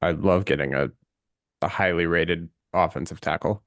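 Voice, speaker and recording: Deep gravelly male podcast co-host. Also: normal speed, fairly bright tone, dry recording, clean studio sound. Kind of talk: casual sports chat.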